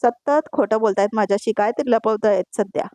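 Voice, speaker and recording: Suspicious scolding young wife, indignant, a bit higher, mellow, read by a woman. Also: a little fast, no room sound, close to an everyday voice.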